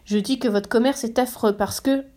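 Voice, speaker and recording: A woman's voice: a little high, fairly even intonation, moderate pace, mellow, lightly acted. A woman reading a storybook voices an earnest, indignant young boy who raises his voice to be heard. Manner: pleading, straining to be heard.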